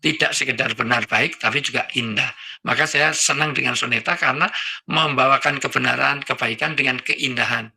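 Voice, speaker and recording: Gravelly, joking Indonesian preacher man. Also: medium pitch, brisk, sharp tone. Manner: joking, acts out little dialogues and sounds. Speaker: preacher guest on a talk show. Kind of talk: humorous preaching on a talk show.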